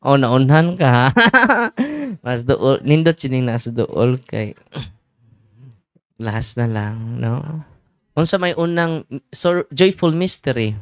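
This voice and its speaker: Slow-talking priest quizzing his crowd. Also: mid-range voice, big pitch swings, clear, resonant tone, dry recording, studio quality. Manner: teasing, asks the crowd quick questions. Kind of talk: lively sermon with audience questions.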